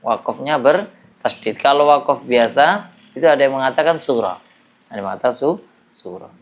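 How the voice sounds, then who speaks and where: A man's voice: medium pitch, expressive, normal speed. A man teaching a classroom lesson on Quran recitation, explaining patiently and drilling examples.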